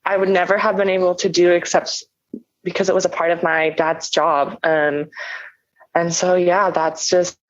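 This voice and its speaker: A woman's voice: lowish voice, level tone. Young woman guest, hesitant, lots of ums, muffled lo-fi sound. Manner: hesitant, many ums, slow and thoughtful. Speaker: podcast guest. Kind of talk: casual interview.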